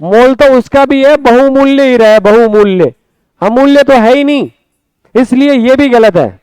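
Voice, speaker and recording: A male Hindi grammar teacher with a Rajasthani accent, explaining a class lesson step by step, repeating words slowly and often asking his students quick questions. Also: extremely high pitch, a little mellow, smooth, no echo.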